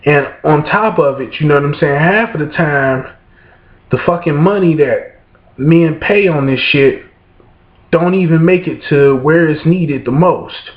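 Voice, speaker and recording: In an echoey room, a high-voiced male vlogger delivers an unhurried, profane ranting monologue. He rambles, swears constantly and keeps asking "you know what I'm saying." The sound is roomy, dull and lo-fi.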